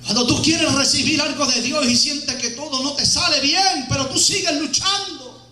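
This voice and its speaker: High, bright-voiced shouting preacher. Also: male voice, moderate pace. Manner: shouted, emphatic preaching with repeated phrases. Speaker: evangelist preacher. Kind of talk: fiery sermon. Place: church hall. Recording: echoey church hall with faint music.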